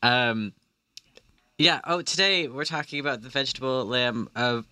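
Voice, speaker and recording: A man's voice: mid-range voice, moderate pace, sharp tone, clean tone, dry recording, studio quality. A man co-hosting a podcast, chatting casually in an easygoing way and laughing along. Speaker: podcast co-host. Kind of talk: casual comedic chat.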